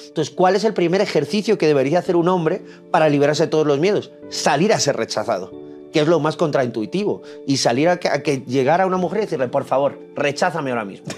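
A man's voice: on the high side, lively intonation, fast, darkish tone, soft background music. A young adult man from Spain with a Madrid accent, answering interview questions about dating in an earnest, storytelling way. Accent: Madrid Spanish. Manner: earnest, storytelling, frequent restarts. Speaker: dating coach guest. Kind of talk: interview conversation.

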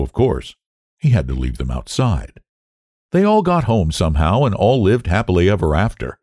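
A man reading a children's storybook aloud in an expressive, lilting way, close to the mic. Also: on the low side, no echo. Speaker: children's story podcast narrator.

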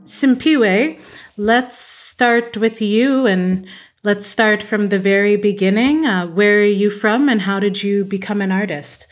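A woman guest-hosting an arts podcast, reading a formal introduction in a measured way and asking interview questions. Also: mid-range voice, fairly even intonation. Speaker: guest host, gallery director.

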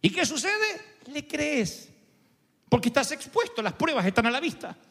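A male pastor preaches in a high, sweeping voice that leaps up and down, pressing his listeners with rhetorical questions. His words carry a long reverb from a church hall. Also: normal speed. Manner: lively, rhetorical, asks the audience questions. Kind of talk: sermon.

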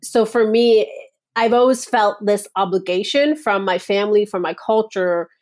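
A woman from Nepal talks as a podcast guest at an ordinary middle pitch. She speaks earnestly and reflectively, and often links her thoughts with "like" and "and so.". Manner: earnest, reflective, many "like" and "and so" fillers. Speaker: guest, personal power coach. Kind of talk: casual podcast interview.

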